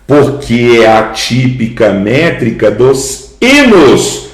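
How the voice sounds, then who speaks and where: A man's voice: medium pitch, sing-song, takes it slowly. A man with a Brazilian Portuguese accent, teaching literature in a recorded lecture, chanting the beats of verse and quizzing his viewers. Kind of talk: recorded video lecture on poetry. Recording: echoey room.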